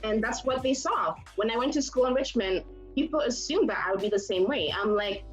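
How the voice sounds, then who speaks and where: A woman's voice: fairly high pitch, lively intonation, fairly quick, music in the background, rough recording. A woman from Canada, outgoing and direct in a casual podcast discussion. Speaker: podcast co-host.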